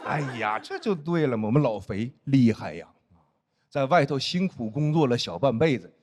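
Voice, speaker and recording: A man performing a stand-up comedy set on stage, animated and acting out other people's voices. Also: mid-range voice, moderate pace. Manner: animated, acts out friends' teasing voices. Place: stage before a live audience. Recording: noisy live show audio. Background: audience laughter.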